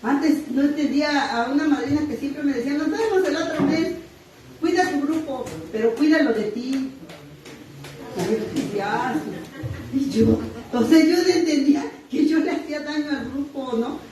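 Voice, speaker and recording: A woman's voice: high-pitched, normal speed, mellow, a little hiss or hum. A middle-aged woman with a Mexican accent giving a blunt, earthy, self-mocking personal testimony at a recovery group meeting. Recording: echoey distant room mic.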